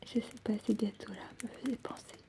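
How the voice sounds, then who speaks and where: A woman whispers as an ASMR host, very near, as if right in your ear. Her hushed voice sits slightly high, and she speaks gently to a single listener. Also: fairly even intonation, a little fast.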